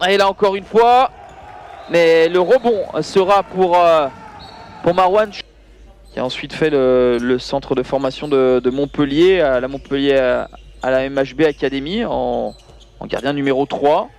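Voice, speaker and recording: A man with a high-pitched voice calls handball highlights as a live commentator. His delivery is excitable and surges when the play heats up. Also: unhurried. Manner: excitable, voice surging on big plays. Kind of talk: live sports commentary over match highlights.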